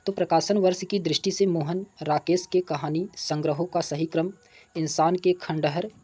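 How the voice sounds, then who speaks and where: A man teaching an exam prep lesson. He reads each past question, then states and repeats the answer and explains it, spelling out sounds and examples slowly. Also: fairly high pitch, fairly even intonation, mellow.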